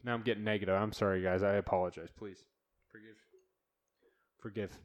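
A man's voice: lowish voice, fairly even intonation, a little fast, highs cut off. A man hosting a solo podcast from his new home studio, rambling bluntly and swearing freely. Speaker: podcast host.

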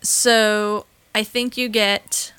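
A woman running a tabletop game as game master, reading rules in a steady, measured way with frequent ums. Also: mid-range voice, clean tone.

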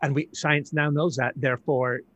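A man's voice: medium pitch, fairly even intonation, normal speed, a bit bright, no room sound, highs cut off. A man who is the author guest in an interview, speaking thoughtfully and repeating words as he searches for them. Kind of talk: conversational interview.

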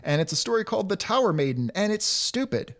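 Host: man, high pitch, wide-ranging delivery, wry, crude humor. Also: sing-song, fast talker, fairly bright tone. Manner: wry, crude jokes, steers the talk. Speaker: podcast host. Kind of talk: casual chat.

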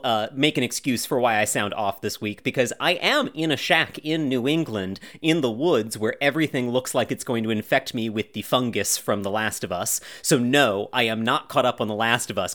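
A man hosting a TV podcast, joking and rambling with lively asides, recording remotely from a cabin in the woods. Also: mid-range voice. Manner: jokey, animated, rambling asides. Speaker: podcast host. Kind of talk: casual podcast chat.

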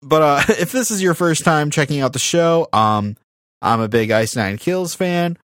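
A man's voice: fairly high pitch, moderate pace, fairly bright tone, no echo, studio quality. A man co-hosting a casual podcast, teasing his co-host in playful banter.

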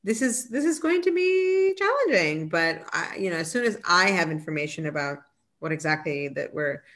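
Low-pitched woman giving steady updates. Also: normal speed. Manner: gives updates steadily, with many "um" and "you know"; laughs and jokes about being tired. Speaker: mayor, co-host. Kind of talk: casual civic discussion.

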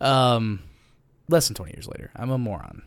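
Chatty, animated male podcast host. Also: mid-range voice, normal speed, creaky, dry recording. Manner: laughing, self-deprecating, swears freely. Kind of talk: casual chat.

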